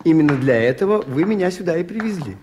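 A man's voice: fairly high pitch, animated, fast, noisy background, natural voice. Father Brown, mild priest detective played by a man. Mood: wry, curious. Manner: polite, questioning. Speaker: radio drama actor. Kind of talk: 1980s Soviet radio theatre acting.

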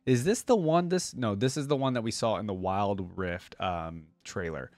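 This reaction video creator, a man of about thirty-something, chats casually and thinks out loud into a close desk mic with a headset. He speaks at a normal pace in a lowish, somewhat dark voice, and the recording is dry.

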